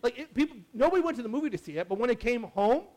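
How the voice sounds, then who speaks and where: A young pastor with a strikingly high voice fires off a casual sermon at rapid speed. Rambling with asides and restarted sentences, he stays animated and friendly, like he's just talking with the congregation.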